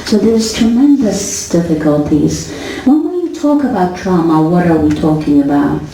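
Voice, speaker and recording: A middle-aged woman from Syria gives a lecture, her low, mellow voice moving slowly and deliberately with small hesitations. She sounds distant in a very echoey hall with faint background noise. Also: sing-song. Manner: deliberate, halting with fillers. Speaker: psychologist giving a lecture.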